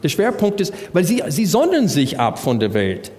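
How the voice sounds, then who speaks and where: A man's voice: on the high side, huge pitch swings, normal speed, a little mellow. A man preaching a sermon, working through Bible verses and asking the congregation rhetorical questions. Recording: long hall reverb.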